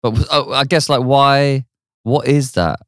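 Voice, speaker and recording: A man's voice: mid-range voice, steady tone, measured pace, no room sound, clean studio sound. A man, a music producer co-hosting a podcast, asking curious, casual questions with plenty of fillers. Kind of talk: podcast conversation.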